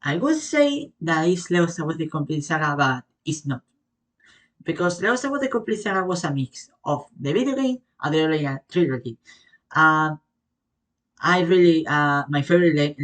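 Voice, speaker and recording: A Spanish-accented man, a native Spanish speaker, answers viewer questions in a relaxed vlog. His voice sits a little high. He talks haltingly, with plenty of fillers and self-corrections. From Spain. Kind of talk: casual Q&A vlog.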